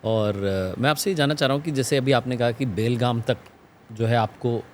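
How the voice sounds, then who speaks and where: A man hosting an interview, asking long questions and giving steady murmurs of agreement. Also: medium pitch, moderate pace, slight background noise. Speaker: interview host. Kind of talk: interview conversation.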